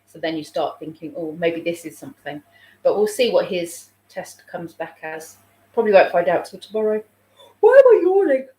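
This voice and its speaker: Very animated and speaking at a normal speed, a woman with a low, mellow voice chats casually on a live stream. She's a childminder from England who reads viewers' comments aloud, a touch snuffly as a sore throat sets in. It's recorded on a phone in a room at home that echoes.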